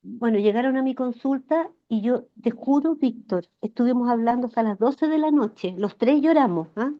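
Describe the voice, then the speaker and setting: In a podcast interview, a Chilean woman in her sixties, a flower therapist appearing as a guest, tells emotional stories with animated energy. Her voice is a little high, her pace moderate, and the recording sounds muffled.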